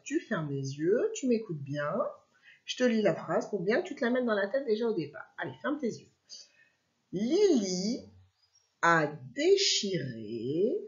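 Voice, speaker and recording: A woman teacher giving a dictation to young children, slowly stretching out each word and spelling out letters. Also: medium pitch, darkish tone, muffled recording. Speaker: primary school teacher.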